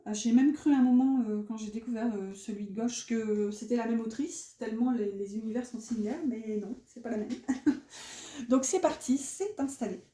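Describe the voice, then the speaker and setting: A chatty woman who gives a loose, rambling tarot reading full of fillers and restarts. Her voice sits a touch high but sounds mellow and soft. The room around her is noticeably echoey. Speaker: tarot card reader. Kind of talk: casual spoken tarot reading.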